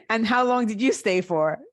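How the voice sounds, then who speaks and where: A woman's voice: on the high side, no echo, clean studio sound. A woman hosting a conversational interview, encouraging and affirming as she listens and asks questions. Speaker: interviewer, host.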